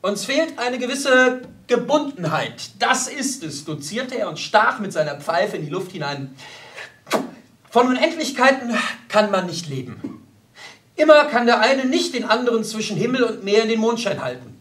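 A proud, earnest young painter, voiced by a male audiobook reader. He talks in a lecturing, touchy way, with a lively, swinging melody. He sounds a little distant from the mic. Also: fairly high pitch, moderate pace. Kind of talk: audiobook character voice.

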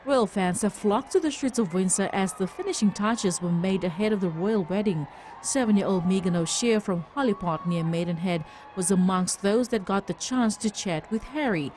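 A woman's voice: medium pitch, darkish tone, a little hiss or hum. A woman reporter reading a scripted news voice-over.

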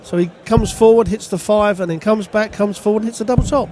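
A man's voice: high-pitched, fairly even intonation, fairly quick, darkish tone. A man co-commentating on a darts match, giving chatty, opinionated analysis of the players. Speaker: darts pundit. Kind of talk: live sports commentary.

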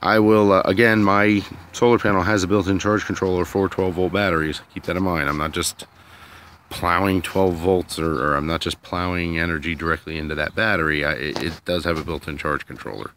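This DIY vlogger, recording himself on a phone in a sunny yard, gives casual, rambling, unsure commentary as he thinks things through aloud. His deep voice is steady, brisk, and a bit bright, over slight background noise.

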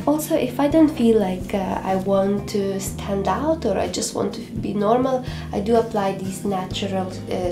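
A Lithuanian beauty vlogger, young and hesitant, has a mid-range voice and talks casually to her camera indoors in a small home room. Her speech is full of fillers and restarts, and the sound is roomy. Soft music runs in the background.

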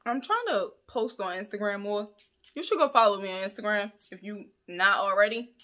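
Woman, young adult, casual vlog chat, bright voice, playful asides. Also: mid-range voice, normal speed. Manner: chatty, animated, playful asides. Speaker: vlogger.

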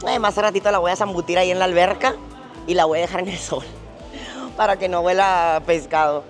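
Faint music runs behind a lowish, steady female voice moving at a fairly quick clip. On a lapel mic, the fitness vlogger tells a travel story while walking outside at a tropical resort, chatting and laughing in a casual vlog manner.

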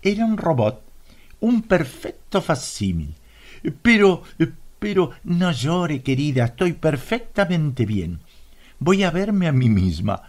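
A man's voice: fairly high pitch, sing-song, takes it slowly, darkish tone, voice pushed up, exaggerated voice. A man with a Latin American Spanish accent voicing a cheerful, teasing woman in an audiobook. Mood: amused. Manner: light, airy, teasing. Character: cheerful, amused woman, Miss Blunt.

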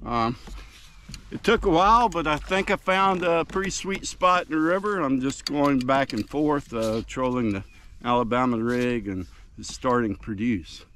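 An older man narrating casually as he fights fish from a kayak on a lake, whooping with excitement, recorded on a mounted camera. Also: mid-range voice, a little slow, a little hiss or hum. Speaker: fishing vlogger. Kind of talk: casual narration while fishing. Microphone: action camera mounted on kayak.

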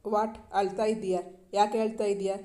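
A man's voice: sits high, little pitch movement, a little fast, mellow, natural voice. A man voicing a young male lover in a romance storybook, who teases and then speaks tenderly.

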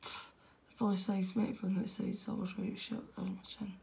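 A woman's voice: mid-range voice, little pitch movement, fast, vocal fry, a little mellow. A woman in her forties talking casually through a face mask while filming herself on a phone she holds in her hand. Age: 40s. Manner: giggly, swears, talks to the camera while fumbling. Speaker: vlogger. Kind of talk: casual self-filmed chat. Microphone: phone held in hand.

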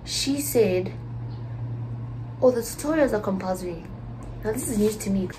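Lively intonation marks this young adult South African woman's mid-range, dark-toned voice as she talks at normal speed to her phone camera, held at arm's length in a small dorm room. The student vlogger rambles and slips into whispers; the recording is low quality with slight background noise.

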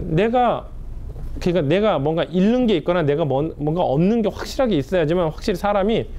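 Fast-talking, lively male business lecturer. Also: slight background noise. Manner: emphatic, conversational, drops pitch at ends of points; paces back and forth while talking. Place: classroom in front of a whiteboard.

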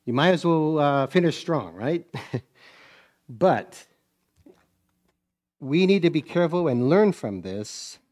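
A man's voice: on the high side, lively intonation, takes it slowly, long pauses, darkish tone. Folksy male preacher telling a story. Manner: folksy storytelling, acts out scenes, chuckles often. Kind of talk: sermon. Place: church.

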